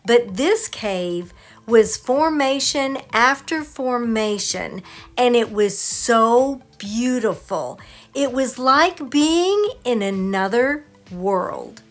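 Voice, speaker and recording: A woman's voice: fairly high pitch, a bit bright. A woman travel vlogger giving scripted narration of a sightseeing trip.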